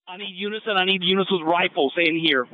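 A man's voice: high voice, quick pace, dry recording. A male police officer speaking over a radio in an urgent, commanding manner. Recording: muffled lo-fi police radio transmission.

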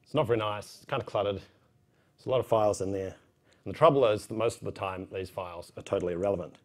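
Male conference speaker, thirties, low voice, strong New Zealand accent, casual and wry delivery. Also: fast. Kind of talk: informal technical conference talk. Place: indoor conference room, at a podium.

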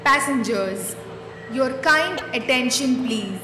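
A woman making railway station announcements over a PA loudspeaker, delivering each word in a slow, evenly spaced way. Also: high voice, animated, music in the background. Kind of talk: recorded train announcement. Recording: echoey, distant loudspeaker with train noise.

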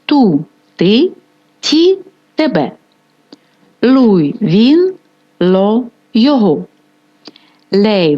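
A woman with a Ukrainian accent teaching a grammar lesson, dictating word by word with careful pauses. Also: mid-range voice, a little mellow. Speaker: Italian language teacher. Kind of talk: slow, deliberate grammar lesson. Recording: dull lo-fi voice-over.

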